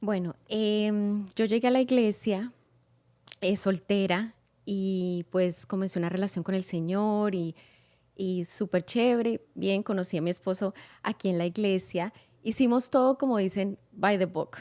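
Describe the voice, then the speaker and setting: Lady telling her story, kinda mellow voice, dry sound, acts out what she said back then. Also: medium pitch, unhurried, no echo. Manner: lively storytelling, acts out her own past words. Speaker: guest. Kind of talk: personal testimony.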